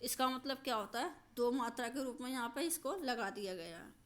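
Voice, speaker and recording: A woman teaching a grammar lesson, slowly and patiently, repeating examples and checking that her students understand. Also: fairly high pitch, a little hiss or hum.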